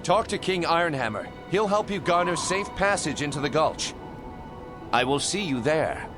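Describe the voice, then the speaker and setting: Man playing proud, high-voiced warrior prince Rurik. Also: expressive, normal speed, lightly acted. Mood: friendly, resolute. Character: proud, defiant human prince leading refugees. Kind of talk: video game cutscene acting. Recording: loud music behind. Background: loud music.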